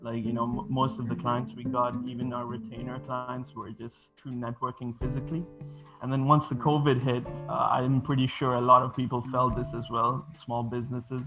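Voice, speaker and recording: Over dull, lo-fi audio with background music, a Sri Lankan-born man in his twenties who grew up in Bahrain fields interview questions. The design studio co-founder speaks fairly quickly in a level, mid-range voice, casual and unsure, stumbling through fillers and restarts.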